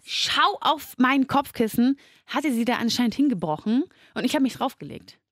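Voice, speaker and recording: A woman co-hosting a casual chat, telling lively anecdotes with lots of fillers. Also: fairly high pitch, moderate pace, no echo, studio quality. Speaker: podcast co-host.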